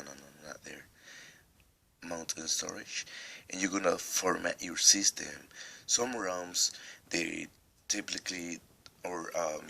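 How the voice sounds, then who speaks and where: A man with an extremely low, gravelly voice and a non-native accent talks through a phone tutorial in a casual, rambling way. His tone is bright and forceful on top of that deep growl, a little husky, and he has a nagging cough. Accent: non-native English accent. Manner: rambling, restarts often, step-by-step. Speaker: tech tutorial host.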